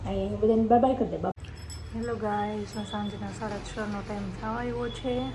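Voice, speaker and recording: A young woman vlogging at home, gently asking her toddler questions. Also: medium pitch, fairly even intonation, brisk, echoey room, background noise. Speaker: vlogger and mother. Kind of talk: casual home vlog chat with toddler.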